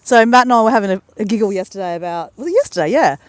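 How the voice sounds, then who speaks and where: An Australian woman rambles cheerfully to her live-stream viewers from a beach at sunrise. Her voice sits in a middle pitch and sounds dry and close on the phone mic. She talks straight to the audience in a loose, chatty way. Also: animated, rapid-fire, dry recording. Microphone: handheld phone camera.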